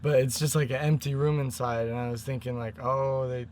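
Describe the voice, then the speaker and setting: A man's voice: medium pitch, steady tone, quick pace, very noisy. A man rambling casually and slangily, swearing at times, with a voice strained from screaming. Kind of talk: casual rambling monologue to viewers.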